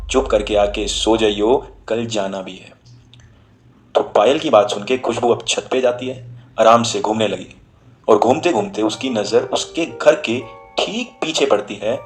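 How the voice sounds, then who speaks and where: A man with a fairly low voice narrates a spooky tale in a relaxed, conversational way. He drops English words into his sentences and voices the characters' lines himself. Soft music plays faintly behind him. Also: poor audio. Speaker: storyteller. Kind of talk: casual spoken horror story.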